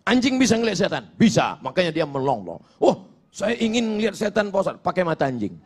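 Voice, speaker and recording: A man's voice: high-pitched, very animated, fast talker, darkish tone, slight background noise. A middle-aged man from Indonesia preaching a humorous Islamic sermon, telling jokey stories, acting out little exchanges and chanting Arabic verses.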